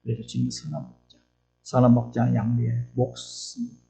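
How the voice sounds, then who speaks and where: A middle-aged man preaching an earnest sermon as pastor, swinging between loud urgent lines and soft low asides. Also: animated, fairly quick, vocal fry, slight background noise, poor audio. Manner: acts out tender and scolding voices when quoting.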